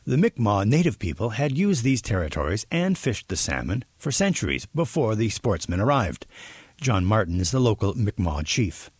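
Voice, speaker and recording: A male reporter giving a scripted documentary narration in a lively storytelling way. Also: on the low side, moderate pace, slightly rough, dry recording.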